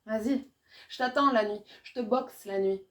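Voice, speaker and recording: A poet, a woman, giving a live reading of her poetry in a rhythmic, repetitive way, her voice swinging from loud bursts to hushed lines. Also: fairly high pitch, normal speed. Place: small indoor venue.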